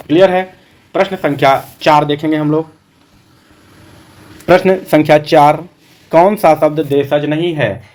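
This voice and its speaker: A man's voice: on the high side, mellow. A man teaching a Hindi exam-prep class, repeating each answer back as a question to his students.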